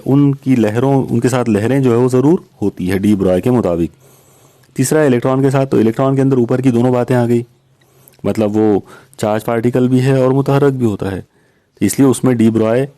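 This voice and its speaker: Very dark-voiced male physics teacher. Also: mid-range voice. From India. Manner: patient, explanatory, often checks in with listeners. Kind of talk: recorded lecture solving exam questions.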